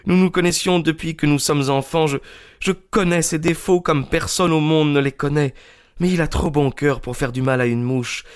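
A man's voice: a little high, moderate pace, clear, resonant tone, voice pushed up, lightly acted. A man voicing an agitated young woman in a storybook reading, pleading urgently in a raised voice. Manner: pleading, breathless insistence.

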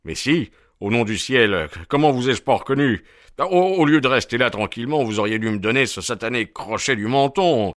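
A man voicing a gruff, suspicious male porter who is a former boxer, talking bluntly in plain colloquial speech. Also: medium pitch, expressive, normal speed, no echo, clean studio sound, pitched above the performer's own voice, natural voice. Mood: excited. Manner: blunt, colloquial, dropping negations.

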